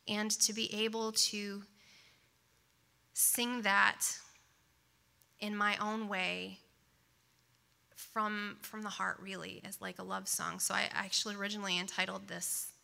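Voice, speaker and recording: With a gravelly, mid-range voice, this woman leads worship at a congregation service, chatting informally before a song. She isn't a native English speaker and keeps dropping in warm asides, "um"s and "right?" tags.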